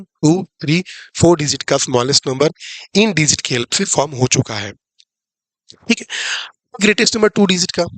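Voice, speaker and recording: A man's voice: fairly high pitch, no room sound. Man teaching maths, repeats every step. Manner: explains step by step and repeats key points; chatty, jokes with students about the live class. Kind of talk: live online class teaching.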